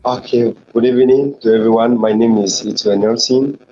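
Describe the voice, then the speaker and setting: A man from Cameroon speaking as a guest on a video call, plain and steady. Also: medium pitch, normal speed. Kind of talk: casual call update. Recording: dull lo-fi line with faint noise.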